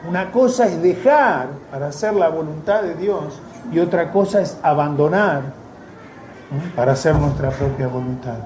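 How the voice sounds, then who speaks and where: Argentine male preacher, conversational with sarcastic asides, high voice in a roomy church. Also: lively intonation, normal speed, darkish tone. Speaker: missionary preacher. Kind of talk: sermon. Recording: echoey church room, faint noise.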